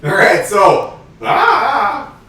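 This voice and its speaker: A man's voice: high voice, wildly swooping pitch, very slow, bright, forceful tone, distant mic. A man running a tabletop game, narrating informally and throwing in casual asides. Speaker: game master. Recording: echoey room, off mic, faint music.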